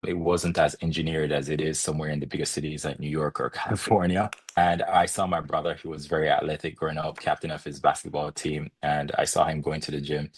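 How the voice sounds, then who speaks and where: A man's voice: rumbling low, husky, no echo. A man in his thirties from Jamaica with a Jamaican accent, a fitness expert being interviewed, reflective and often laughing as he tells his story.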